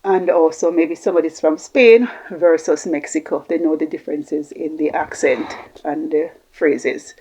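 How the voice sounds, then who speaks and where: A Jamaican woman hosting a show on communication tips talks informally and reflectively, repeating phrases for emphasis. Her low, husky voice has a darkish tone, and she keeps a moderate pace with few pauses.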